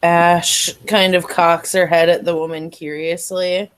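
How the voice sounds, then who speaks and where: Slow-talking woman playing a tabletop game. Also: fairly low pitch, level tone, smooth. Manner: unhurried, thoughtful description. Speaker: player.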